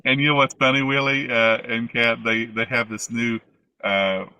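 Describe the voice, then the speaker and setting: A man's voice: mid-range voice, little pitch movement, moderate pace, bright, forceful tone, clean tone, no room sound, low-quality recording. An American man with an Appalachian accent, answering interview questions in a casual, rambling and somewhat hesitant way. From United States. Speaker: interview guest, former flight attendant. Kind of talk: casual conversational storytelling.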